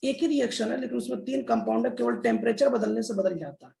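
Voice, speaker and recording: A man's voice: extremely high pitch, very animated, fast, creaky, warm tone. A man teaching a chemistry lesson in a classroom style, repeating key terms and often addressing the children. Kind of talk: classroom lecture. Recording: echoey room.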